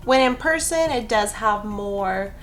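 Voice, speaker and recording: A woman with a medium-pitched, animated voice hosts a nail art tutorial at an unhurried pace, with soft music playing behind her. She walks through each step chattily, rambling a bit and dropping in easygoing asides about herself, like a casual how-to.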